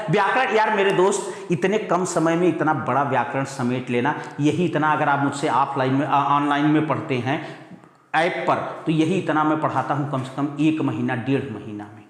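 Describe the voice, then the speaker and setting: Male grammar teacher for exam prep, patient, repeats key terms slowly, big echoing room. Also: on the high side, a bit bright. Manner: calls students "beta", repeats key words slowly. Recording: echoey hall.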